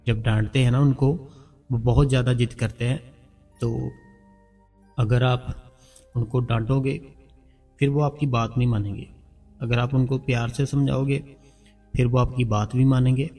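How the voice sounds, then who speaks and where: A man gives gentle, repetitive spiritual advice in an informal devotional talk. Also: mid-range voice, recorded from a distance. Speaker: spiritual channel host.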